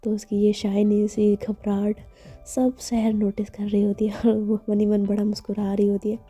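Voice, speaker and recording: Husky-voiced woman telling a story. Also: mid-range voice, normal speed, faint music behind. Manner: chatty, relaxed, fillers. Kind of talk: casual spoken storytelling.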